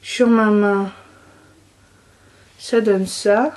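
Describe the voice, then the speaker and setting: A woman's voice: medium pitch, steady tone, very slow, a little mellow. A young woman chatting casually about her monthly beauty favorites, enthusiastic and full of fillers and restarts. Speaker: beauty vlogger.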